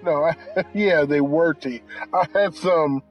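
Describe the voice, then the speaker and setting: A man with a husky voice co-hosting a casual podcast, tired and halting, repeating himself, in a low-quality phone recording made in a car. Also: muffled recording, soft background music. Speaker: podcast co-host. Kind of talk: casual chat. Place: inside a car.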